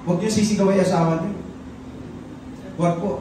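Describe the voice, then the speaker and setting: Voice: medium pitch, steady tone, fast. A preacher giving a sermon, switching between Tagalog and English and quizzing the congregation. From Philippines. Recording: very echoey church hall, distant mic, faint noise.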